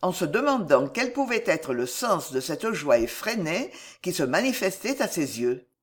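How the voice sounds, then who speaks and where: A narrator reading a historical novel aloud in a measured, expressive way. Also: medium pitch, husky. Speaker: audiobook narrator.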